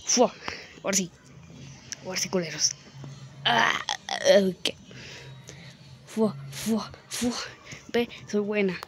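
A woman's voice: mid-range voice, slow, pauses often. A woman giving casual gameplay commentary, playfully boasting, grunting with effort and whispering asides, her throat a little sore. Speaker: gamer.

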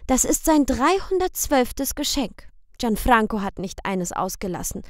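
A prim, polite nanny, as a woman acts her out. She explains things in a high, lilting voice. It is recorded close and dry, like an audiobook. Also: sing-song, unhurried, no echo.

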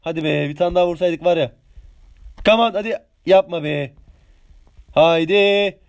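An 18-year-old man streaming live gameplay, chatting with viewers, humming little sound effects and yelling excitedly at opponents. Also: high voice, normal speed. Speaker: game streamer.

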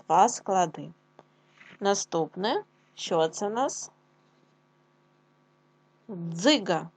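A woman teacher speaks slowly and deliberately, sounding out each letter and syllable as she leads a classroom lesson. Her voice sits at an ordinary middle pitch, with a Ukrainian accent. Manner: slow, clear, drawn-out dictation with sounds spelled out. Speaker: primary school teacher.

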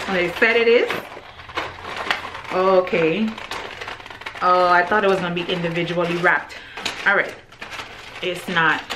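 Woman, lowish voice, casual food-review chat, tasting between words, faint background hiss. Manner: chatty, tasting and describing food between bites. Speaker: vlogger reviewing groceries.

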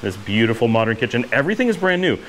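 A man's voice: mid-range voice, sing-song, racing, slight background noise. A man in his forties filming a walking house tour vlog with a handheld action camera, enthusiastic and rambling with lots of fillers. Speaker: vlogger. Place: indoor and outdoor rooms of a house with courtyard pool. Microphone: handheld action camera at arm's length.

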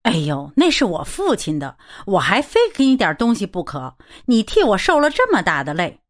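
A woman's voice: medium pitch, wildly swooping pitch, normal speed. A woman doing a cheerful young man.

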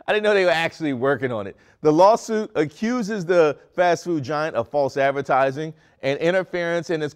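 Wisecracking man with a lively, animated voice. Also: on the high side. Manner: wisecracking, playful asides. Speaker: news segment host. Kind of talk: comedic news commentary. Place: studio set with brick backdrop.

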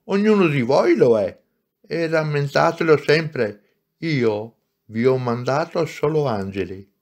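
A man's voice: on the high side, animated, takes it slowly, heavily acted. God as a firm, loving voice, read by a man. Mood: reassuring. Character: God, loving and all-knowing.

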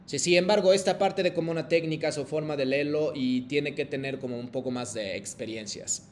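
A man's voice: on the high side, fairly quick, darkish tone, a little hiss or hum. Patient man teaching a language lesson. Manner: patient, checks understanding with frequent "¿sí?"; hesitant phrasing with many fillers. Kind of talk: language lesson with call-and-repeat drills.

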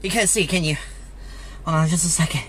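A man vlogging trackside outdoors on a handheld phone, gushing and excitable. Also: a little high, brisk, slight background noise. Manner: excitable, gushing, loud whoops. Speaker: railfan vlogger. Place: outdoors by a railroad line near a store lot.

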